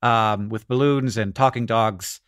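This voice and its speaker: A man's voice: lowish voice, a little slow, a bit bright, no echo, studio quality. A man co-hosting a podcast in casual, playful, jokey banter. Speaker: podcast co-host.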